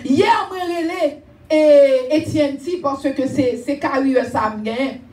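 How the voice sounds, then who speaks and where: A woman preaching a sermon and telling a personal testimony, animated and often raising her voice with laughter. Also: high voice, slow, reverberant, far from the mic. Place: church.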